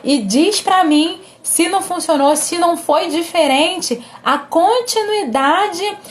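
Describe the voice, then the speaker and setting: A Brazilian woman with a high, light voice talks unhurriedly to her viewers, giving advice. She is gentle and reassuring, pausing on fillers and often asking whether they are following along. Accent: Brazilian Portuguese. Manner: gentle, reassuring, with frequent checking tags and filler pauses. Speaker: presenter giving family advice. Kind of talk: casual advice talk to viewers.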